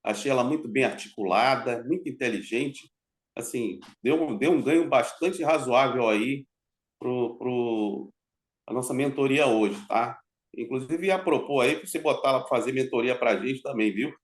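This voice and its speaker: Halting man full of restarts. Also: mid-range voice. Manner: halting, many restarts and fillers. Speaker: mentoring participant. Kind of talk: casual chat.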